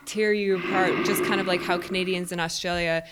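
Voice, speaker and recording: A woman's voice: lowish voice, steady tone, fairly quick, heavy background noise. A woman co-hosting a podcast, chatty and laughing often as she tells a field story. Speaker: podcast co-host. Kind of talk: casual storytelling chat.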